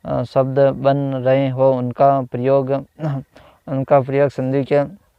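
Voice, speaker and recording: Slow and hesitant, this man drills Hindi grammar word by word, restating each fix as "तो ... होता है" amid fillers and self-corrections. The voice sits at medium pitch, gravelly at the edges yet smooth and resonant. Audio is dry, a bit dull, cheap-mic quality, without any room sound.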